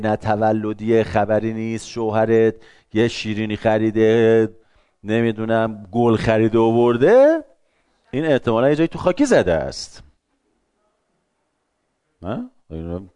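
Middle-aged male speaker, low voice with wide swings, plays out quick dialogues while lecturing. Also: darkish tone, dry recording, clean studio sound. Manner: acts out little dialogues in changing voices. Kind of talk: lively talk to an audience.

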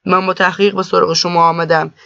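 A man's voice: high voice, flat delivery, creaky, bright, forceful tone, no echo, full character voice. A man voicing a poor, earnest young male cleric in a storybook reading, speaking politely and pleadingly. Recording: dull lo-fi dry recording.

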